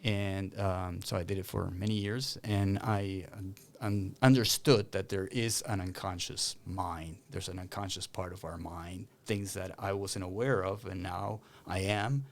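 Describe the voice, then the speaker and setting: A man from Argentina, a clinical counsellor, explaining his work in an interview with many pauses and restarts. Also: low-pitched, fairly even intonation. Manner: thoughtful, many fillers and restarts. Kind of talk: interview conversation.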